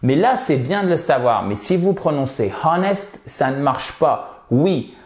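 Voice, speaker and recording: A man teaching English in French, slowly explaining test answers and modeling pronunciation. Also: mid-range voice, sing-song, darkish tone, echoey room. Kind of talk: French-language English lesson.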